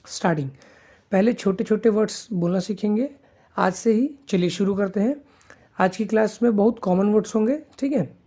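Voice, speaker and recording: A man teaching an online language lesson, patient, who repeats each word slowly and keeps checking in with his listeners. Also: sits high, warm tone. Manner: patient, checks in with 'theek hai?' after nearly every phrase; mixes English words into the lesson.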